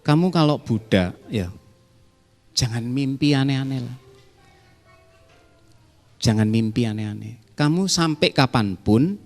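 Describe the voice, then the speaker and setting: A man's voice: medium pitch, expressive, measured pace, long pauses. A man preaching a sermon to his congregation in a conversational way, acting out quoted callers in a raised voice. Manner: conversational, addresses the congregation directly. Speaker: pastor. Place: church hall. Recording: reverberant church hall with soft music.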